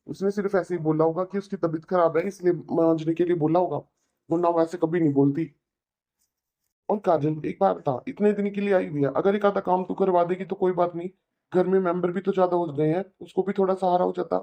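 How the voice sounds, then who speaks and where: A performer voicing an elder brother in a cartoon, calmly scolding and lecturing with a Hindi accent. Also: medium pitch, brisk, muffled recording, natural voice. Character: reasonable elder brother, young married man. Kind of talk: cartoon voice acting.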